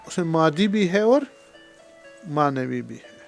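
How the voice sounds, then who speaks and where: A man with a Kashmiri accent giving a religious lecture as a scholar, who teaches by putting questions to his listeners and recites Arabic quotations slowly. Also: fairly high pitch, animated, vocal fry, faint music behind. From Pakistan. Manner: explains by asking the audience questions. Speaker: Islamic scholar.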